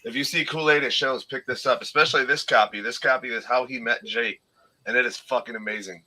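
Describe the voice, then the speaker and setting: A man's voice: mid-range voice, a little fast, bright, forceful tone. A young man hosting a live podcast, chatting casually with loose, profane banter. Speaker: podcast host.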